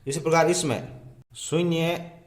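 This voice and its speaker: A male math teacher walks through a lesson at an unhurried, deliberate pace. He counts parts aloud one by one and repeats each step for young pupils. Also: a little high, fairly even intonation.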